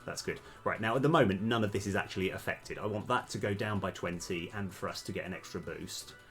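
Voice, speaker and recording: A man's voice: deep voice, fast, fairly bright tone, faint music behind. A man streaming game development live, thinking aloud over his code with many hesitations, his voice slightly worn. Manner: hesitant, many ums, talks through code.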